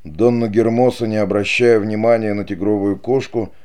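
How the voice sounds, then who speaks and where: A man narrating an adventure novel as an audiobook, in a measured storytelling manner. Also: lowish voice, steady tone, darkish tone, clear, resonant tone.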